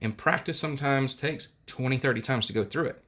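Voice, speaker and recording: A man's voice: mid-range voice, brisk, sharp tone. A man teaching a recorded music lesson. He talks patiently, explains each step and sings solfege syllables.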